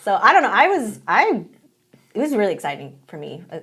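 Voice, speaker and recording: A woman's voice: medium pitch, wildly swooping pitch, fairly quick, fairly bright tone, husky. A woman guest on a podcast chatting casually about her old job, talking in a chatty way and laughing easily. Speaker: podcast guest, former game company employee. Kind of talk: casual chat.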